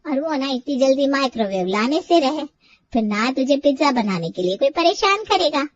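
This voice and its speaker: A woman's voice: high-pitched, big pitch swings, moderate pace, highs cut off. A woman voicing a brash, boastful mother. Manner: brash and self-assured. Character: bold, boastful middle-aged mother. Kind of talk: storybook cartoon voice acting.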